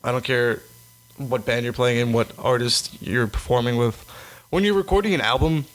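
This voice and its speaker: A man's voice: medium pitch, normal speed. A young man co-hosting a podcast, telling rambling stories in casual chat and swearing freely. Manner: rambling, profane storytelling. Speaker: podcast co-host.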